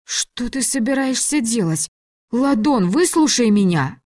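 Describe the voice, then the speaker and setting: A woman's voice: mid-range voice, animated, moderate pace, a little mellow, no room sound, studio quality, close to an everyday voice. Woman voicing a frightened young captive. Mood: anxious, pleading. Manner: anxious, urgent pleading.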